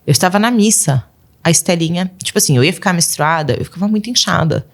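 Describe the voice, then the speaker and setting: An animated woman in her thirties tells family stories on a podcast, her lower voice swinging widely in pitch as she acts out her children's lines. She laughs often and keeps the telling casual and lively. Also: fast. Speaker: podcast guest, mother of twelve. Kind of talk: casual storytelling interview.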